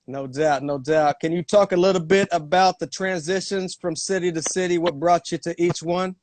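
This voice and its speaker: A man's voice: sits high, steady tone, normal speed, a little mellow, slight background noise. A man hosting a casual interview on a live video call, asking laid-back questions padded with fillers. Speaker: interview host.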